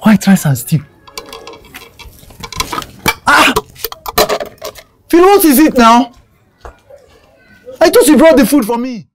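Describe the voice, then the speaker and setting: Slow, animated, bemused young Nigerian man. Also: very high voice, full character voice. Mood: baffled. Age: young adult. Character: bemused, hungry young man, the sympathetic friend. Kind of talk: comedy skit acting. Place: outdoors against a wall in a street.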